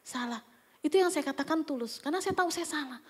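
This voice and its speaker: A woman's voice: high voice, rapid-fire, darkish tone. A woman pastor, giving a chatty, anecdotal sermon at a church service with occasional whispered asides. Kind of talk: conversational sermon.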